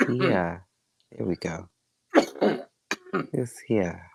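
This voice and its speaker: A man's voice: low-pitched, extremely slow, gravelly, slight background noise. A man in casual chat, off-mic, at one point talking someone through a coughing fit.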